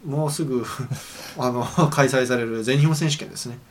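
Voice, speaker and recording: A man hosting a podcast, chatting casually in an easygoing, meandering way. He fills his talk with hesitations and false starts, and his pitch sits right in the middle for a man. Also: normal speed. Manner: relaxed, rambling with many fillers and restarts. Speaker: podcast host. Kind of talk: casual chat.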